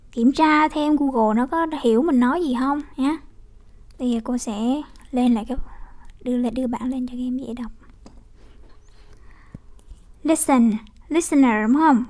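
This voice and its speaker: A woman's voice: fairly high pitch, warm tone. A young woman teacher with a Vietnamese accent working through English exam questions, explaining step by step with frequent tag questions. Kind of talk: exam walkthrough lesson.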